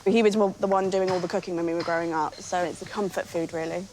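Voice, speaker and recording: A woman's voice: fairly low pitch, steady tone, fast talker, a little mellow, soft background music. A woman, a contestant speaking nervously and candidly. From England. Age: 20s.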